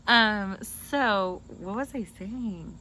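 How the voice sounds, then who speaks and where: Drawing out her words in a bright, forceful, mid-range voice, a woman interviews her brother in a relaxed chat. She tells stories in a giggly, wandering, informal way, and there's clear background noise throughout.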